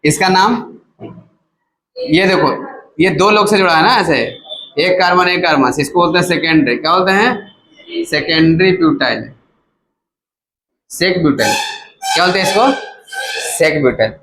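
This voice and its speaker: Male chemistry teacher, coaxing call-and-response lecture, voice pitched a bit high, faint noise behind. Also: moderate pace, pauses often, pushed and bright, rough recording. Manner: keeps asking the class to repeat terms; casual, coaxing teacher talk. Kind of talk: classroom lecture.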